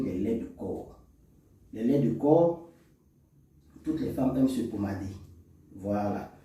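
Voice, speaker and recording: Speaking with an African French accent, a man who works as a cosmetics chemist and teacher walks through products in a casual, instructive lesson with emphatic delivery. His voice has medium pitch and is a little mellow. It was recorded from a distant microphone in an echoey room.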